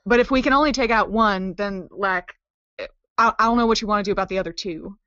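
A woman playing a tabletop game, planning moves in casual, halting, slangy chat. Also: mid-range voice, fairly bright tone, no echo, muffled recording.

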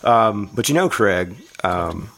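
A man with a low voice trades movie trivia in relaxed podcast banter. His humor is dry and teasing, and he sets up questions for his co-host. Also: slow pace, vocal fry. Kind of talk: casual movie-review chat.

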